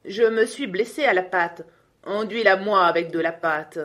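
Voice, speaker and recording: A woman voicing a sly, menacing male wolf in a children's story, putting on a high, sweetened mother's voice at the door. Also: normal speed, fairly bright tone, natural voice. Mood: threatening.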